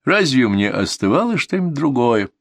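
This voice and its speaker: Man doing a glum donkey, dignified, slow, deliberate, storybook reading, lively pitch. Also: dry recording, clean studio sound. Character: gloomy, dignified, philosophical donkey. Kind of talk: audiobook reading.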